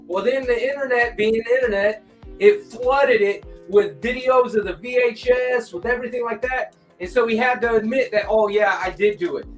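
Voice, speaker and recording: A man's voice: very high voice, fairly even intonation, normal speed. A man chatting on a casual livestream, laid-back and rambling as he tells stories. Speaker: co-host. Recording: distant echoey mic with faint music.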